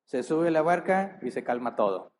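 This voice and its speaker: With a sing-song, darkish voice on the high side, a male pastor reads scripture and then bears down on his listeners with numerous rhetorical questions. His emphasis is earnest and drawn out on key words, and a little hiss or hum runs underneath.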